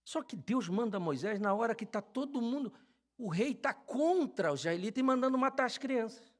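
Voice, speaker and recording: An older Brazilian man preaching a sermon as a pastor, fervent, swinging from loud shouted calls to quiet storytelling. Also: very high voice, lively intonation, moderate pace. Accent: Brazilian Portuguese. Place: church.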